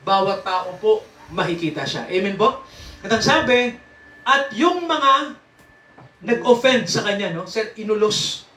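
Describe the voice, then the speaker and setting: A man's voice: sits high, moderate pace, a bit bright, slight background noise. A man preaching in a church, teaching from the Bible and quizzing his congregation with frequent tag questions and chuckles. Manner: chuckles often while teaching. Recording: echoey room, mic at a distance.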